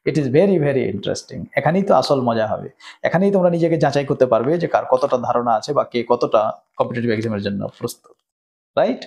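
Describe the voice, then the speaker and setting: A man's voice: medium pitch, animated, creaky, a little mellow. A man with a Bengali accent teaching English grammar, explaining each rule and often checking with "right?". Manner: asks "right?" often, reads example sentences slowly. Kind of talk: explanatory lesson.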